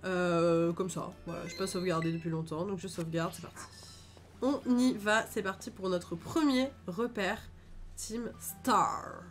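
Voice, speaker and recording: A woman's voice: on the low side, unhurried. A woman hosting a let's-play video, chatting and thinking aloud in a casual, upbeat way with lots of fillers. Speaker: gaming video host. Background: game music.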